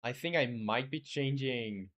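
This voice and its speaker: A man works through his code on a live stream. His voice sits at a middle pitch. He talks things through aloud, full of fillers and restarts, and gives his viewers friendly replies. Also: measured pace, fairly bright tone. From Chile. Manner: thinks aloud, hesitant with many fillers and restarts. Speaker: game developer streaming live. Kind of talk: casual live-stream coding chat.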